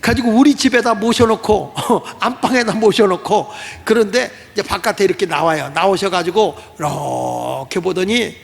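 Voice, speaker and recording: Male pastor, storytelling sermon, raspy fry in a high voice, long hall echo. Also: moderate pace, hardly any pauses. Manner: animated, acts out quoted voices.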